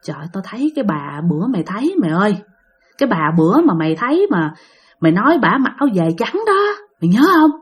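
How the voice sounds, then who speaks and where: Woman doing a frightened girl whispering hushed. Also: big pitch swings, rapid-fire, breathy edge. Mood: scared hush. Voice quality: hushed, low and tense.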